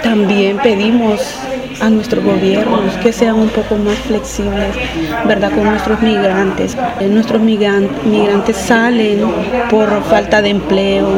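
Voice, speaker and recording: Outdoors amid loud crowd noise, a Honduran woman in her forties gives a street interview as a migrant mother searching for her daughter. Her medium-pitched voice comes through poor audio as she pleads earnestly, stumbling and restarting at times.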